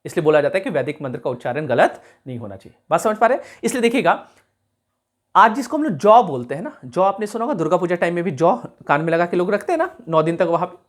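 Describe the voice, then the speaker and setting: A man teaching a class, explaining carefully, repeating key sounds slowly and checking whether his students follow. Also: high-pitched, big pitch swings. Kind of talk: classroom lecture.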